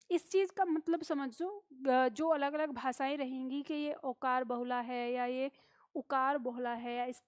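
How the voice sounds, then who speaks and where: A woman's voice: sits high, no room sound, studio quality. A woman teacher giving a classroom lecture, explaining points step by step and often checking with her students. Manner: explanatory, repeats key points with "ठीक है?".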